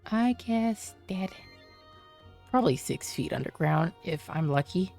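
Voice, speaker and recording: A woman reading as a morbid deadpan cop. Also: fairly low pitch, unhurried, faint music behind. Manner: flat, morbid deadpan delivery. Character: gloomy, deadpan grown male cop. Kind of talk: reading game dialogue aloud.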